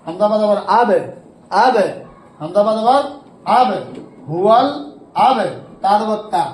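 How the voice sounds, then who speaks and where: A man from Bangladesh teaching an online Quran lesson, spelling out letters and vowel marks and then slowly reciting each word. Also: high-pitched, a little mellow, echoey room, rough recording.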